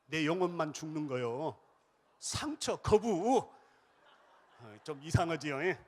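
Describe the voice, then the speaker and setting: A man preaching a revival sermon as pastor, with a Jeolla accent, shouting chants for the congregation to repeat and then dropping into chatty storytelling. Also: on the high side, big pitch swings, slow pace. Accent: Jeolla Korean. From Jeolla, South Korea. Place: church sanctuary.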